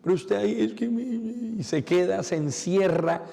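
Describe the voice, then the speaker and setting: A man who is a priest giving a lively homily, acting out little quotes. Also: high voice, normal speed, gravelly, big-room sound. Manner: lively preaching with acted-out quotes.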